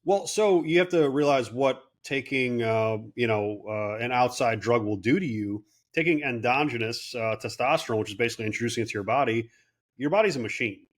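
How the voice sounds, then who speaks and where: Guest, man, late 30s, casual and animated, mid-pitch, acts out quotes. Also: brisk. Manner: animated storyteller, quotes people in voices. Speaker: guest, clinic owner. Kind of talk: casual interview talk.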